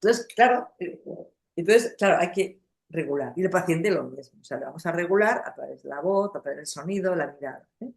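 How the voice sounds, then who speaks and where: A middle-aged woman leads a psychotherapy class. Her voice sits a little low, and she talks in a loose, conversational way, restarting sentences and checking in with her listeners. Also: animated, a little fast, creaky. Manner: conversational, many fillers and restarts, acts out examples. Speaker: psychotherapy teacher. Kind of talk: lecture to a class.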